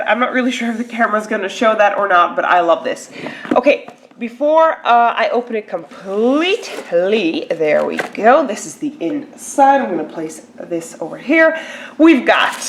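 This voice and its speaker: A woman with a cold-stuffed nose unboxes a beauty box on camera, chatting casually and filling her talk with lots of "like" and "um." Her voice is a little high and fairly bright.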